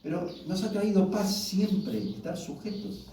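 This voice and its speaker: A warm, colloquial Argentine pastor in his sixties leads a marriage workshop, his pitch rising and falling freely as he talks with the couples in front of him. His voice is slightly high and mellow. He is heard from a distance in a very echoey hall with faint background noise. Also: lively intonation, unhurried. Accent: Argentine Spanish. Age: 60s. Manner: warm, conversational, asks the audience questions. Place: church hall with an audience.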